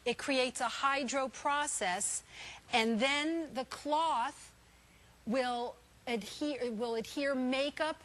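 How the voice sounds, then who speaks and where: Very high-voiced woman demonstrating on home shopping. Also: slow, fairly bright tone. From United States. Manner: instructive, emphatic short phrases. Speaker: product presenter on a home shopping show.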